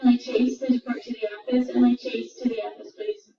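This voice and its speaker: A woman's voice: on the high side, fairly even intonation, quick pace, gravelly. Woman paging over a school PA. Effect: over a school PA system. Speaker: school office announcer. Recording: distant echoey PA speaker, muffled.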